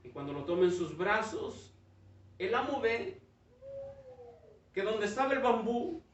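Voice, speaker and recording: A man's voice: high voice, big pitch swings, a little slow, far from the mic, slight background noise. A male preacher delivering a sermon, telling a parable with rising intensity. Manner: storytelling, builds in intensity. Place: church hall. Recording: echoey dull church sound from afar.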